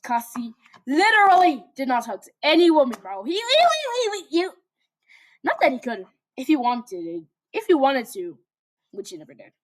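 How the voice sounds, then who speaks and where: A woman's voice: high voice, very animated, fairly quick. A young woman casually reading fan fiction aloud, breaking off for chatty, giggly asides. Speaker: fanfic reader.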